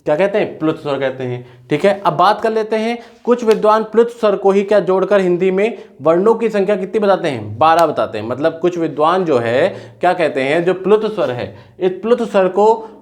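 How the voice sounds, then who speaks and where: A man with a somewhat high voice teaches a lesson. He asks his students questions and then answers them himself. Now and then he slows right down to dictate notes word by word. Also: animated. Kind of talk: classroom lecture.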